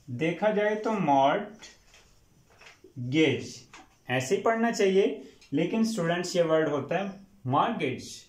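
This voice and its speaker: A Pakistani man with an Urdu first language leads a pronunciation lesson, saying each word again and again for his students. His voice sits high and unhurried, and the room around him rings with echo. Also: a little mellow. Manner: repeats each word slowly several times, addresses students. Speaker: English pronunciation teacher. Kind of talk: classroom-style pronunciation lesson. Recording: echoey room.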